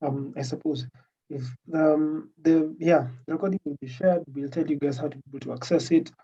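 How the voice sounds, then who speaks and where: A man's voice: fairly high pitch, steady tone, brisk, mellow, husky. A man with an East African accent gives hesitant closing remarks as a workshop organizer on a video call. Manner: hesitant, many fillers. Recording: muffled distant online call audio.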